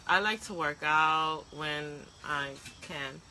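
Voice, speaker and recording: A woman co-hosting a casual live-stream chat, frank and animated, ranting with quick asides. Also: deep voice, slight background noise, rough recording. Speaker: co-host.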